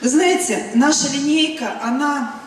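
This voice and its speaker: A middle-aged woman giving an emphatic presentation speech on a large stage, in short phrases with pauses. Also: sits high. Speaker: company cosmetics director presenting. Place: large event hall stage. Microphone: handheld mic through PA, recorded from the audience. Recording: echoey hall PA, noisy, from far off.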